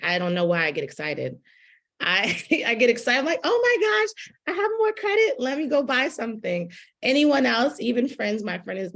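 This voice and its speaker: Low-voiced woman teaching casually. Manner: conversational, many fillers, asks "right?". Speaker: fashion business instructor. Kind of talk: casual workshop lecture.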